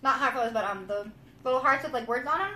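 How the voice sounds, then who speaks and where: A woman's voice: sits high, fast, sharp tone. A woman co-hosting a casual live candy review, chatty and full of "like". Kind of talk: casual live-stream chat. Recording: echoey room, faint noise.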